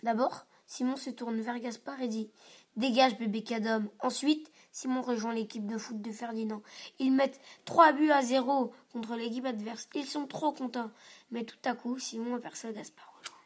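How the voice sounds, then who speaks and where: A woman reading a children's picture book aloud in an expressive, lively way. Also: fairly high pitch, normal speed. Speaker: reader. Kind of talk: children's story read-aloud.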